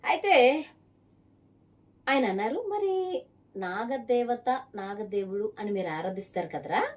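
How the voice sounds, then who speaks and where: A woman's voice: medium pitch, animated, takes it slowly, distant mic. Emphatic woman preaching. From Visakhapatnam area, Andhra Pradesh. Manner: emphatic, pointed rhetorical questions to one listener. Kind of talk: preaching testimony.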